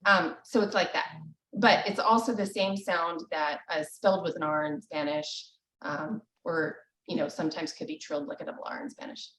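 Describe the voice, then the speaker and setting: A woman teaching a language lesson over a video call, patient and encouraging, often pausing with ums. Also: sits low, fairly even intonation, a bit bright, slight background noise. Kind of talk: live online language lesson. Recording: echoey, distant video call audio.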